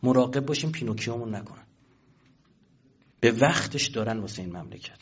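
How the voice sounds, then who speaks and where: A man's voice: mid-range voice, lively intonation, slightly rough, highs cut off. A man giving a colloquial political talk to an audience, emphatic and full of rhetorical questions. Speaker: speaker addressing an audience.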